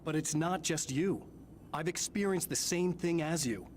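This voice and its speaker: An actor playing an earnest, determined investigator in scripted video game dialogue. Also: male voice, fairly high pitch, moderate pace, a little hiss or hum, close to an everyday voice. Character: earnest, determined male investigator caught in a time loop.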